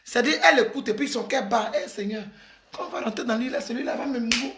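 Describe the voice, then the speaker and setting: Talking fast in a voice on the high side, a middle-aged woman gives impassioned, preachy advice as a commentator, with exclamations aimed right at the listener. There is background noise, and the room echoes.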